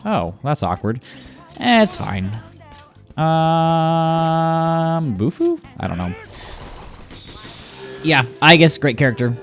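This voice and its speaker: A man giving casual, rambling commentary while playing a video game, reacting out loud and laughing often. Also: fairly high pitch, very animated, slow pace, long pauses, soft background music.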